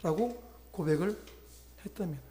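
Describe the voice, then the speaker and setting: A man's voice: high voice, expressive, moderate pace, warm tone, reverberant. A male pastor preaching a sermon, retelling a conversion story and voicing the people in it. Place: church sanctuary.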